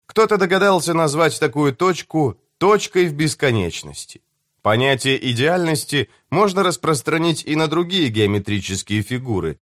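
A man's voice: on the high side, animated, moderate pace, fairly bright tone, dry recording. Man reading a novel, dry close sound. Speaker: audiobook narrator. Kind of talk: first-person literary narration.

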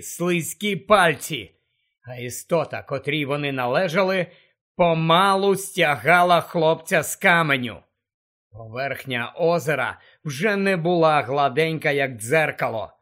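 High-voiced man narrating a tense audiobook. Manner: tense, urgent storytelling that drops low and quiet for dark moments.

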